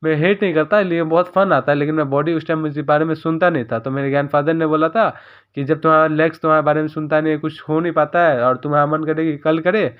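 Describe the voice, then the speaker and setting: A man voicing a cheerful male martial arts trainer who teases his students, in a quick storytelling recap. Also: fairly high pitch, fairly even intonation, smooth, narrow, tinny audio, close to an everyday voice.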